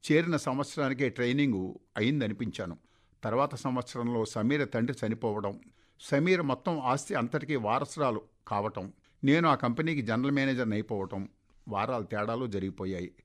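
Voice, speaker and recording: Man reading a reflective story. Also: medium pitch. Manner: measured, reflective first-person telling. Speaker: story narrator.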